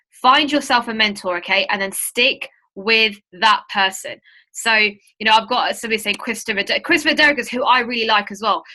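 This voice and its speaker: With a slightly high, bright voice and a forceful tone, this webinar host and trading mentor talks straight to her audience in an informal online training session, chatty and emphatic as she encourages them.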